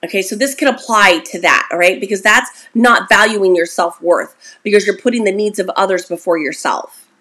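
A woman's voice: medium pitch, moderate pace, bright, forceful tone. A woman in her forties giving a casual motivational talk to camera as a self-esteem coach, chatty and encouraging, often checking in with her listener. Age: 40s.

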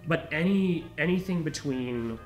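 A man giving casual commentary while he plays a video game, muttering to himself and then urging the pieces on in excited bursts. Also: a little high, measured pace. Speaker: player. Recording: roomy echo, faint game music.

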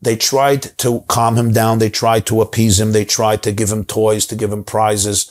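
A man's voice: fairly low pitch, little pitch movement, normal speed. A middle-aged man telling a story in a dramatic, repetitive way, recorded with a lapel mic in a study lined with bookshelves. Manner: dramatic, repetitive, gesturing broadly. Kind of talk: animated storytelling.

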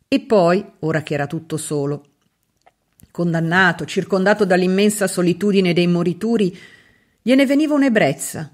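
A woman reads a literary novel aloud for an audiobook, measured and expressive, with dramatic pauses. Her voice sits on the low side.

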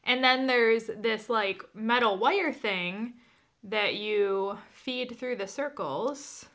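A woman in her thirties, a home decor vlogger, talks casually to the camera and explains things step by step in an informal, chatty way. Her voice is fairly high and fairly bright, and she speaks slowly. She's indoors in a furnished living room at home.

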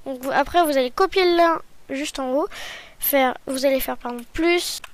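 A woman hosting a software tutorial, talking hesitantly and often correcting herself with apologies. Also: sits high, moderate pace. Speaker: tutorial host. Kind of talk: screen-recorded software tutorial.

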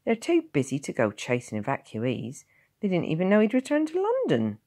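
A woman voicing a forthright, husky doctor's wife who dismisses worries briskly in a storybook reading. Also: lowish voice, huge pitch swings, mellow, no room sound, studio quality, voice pushed up.

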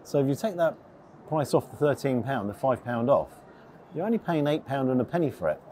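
Man over clear background noise. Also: mid-range voice, very animated, a little fast, a little mellow. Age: 50s. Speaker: food reviewer vlogger. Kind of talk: casual vlog talk to camera. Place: large open train station concourse restaurant. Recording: busy station noise and announcements. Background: station ambience, background announcements.

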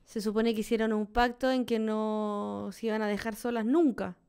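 High, smooth-voiced Chilean woman. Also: normal speed. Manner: laughs often, slangy and animated storytelling. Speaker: podcast co-host. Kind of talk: casual chat.

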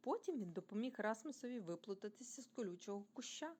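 A woman from Ukraine reading a children's bedtime story aloud, expressive and animated, speaking directly to young listeners. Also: on the high side, fast.

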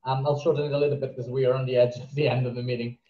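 A young man moderating an online lecture, reading out an audience question in a brisk, polite way. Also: medium pitch, little pitch movement, mellow. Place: apartment room. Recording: roomy muffled call audio.

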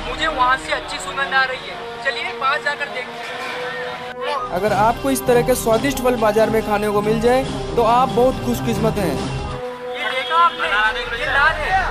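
Young man, high voice, mock-serious survival narration, loud music behind. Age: young adult. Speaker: comedy vlogger. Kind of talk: spoof survival-show narration. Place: busy outdoor street market at dusk.

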